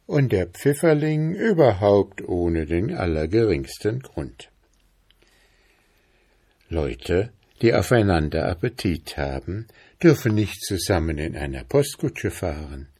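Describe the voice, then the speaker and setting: A man reading a children's story aloud, taking his time over every sentence. His narration is expressive, and his pitch rises and falls in lively swings. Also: slow pace, breathy edge. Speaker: story reader.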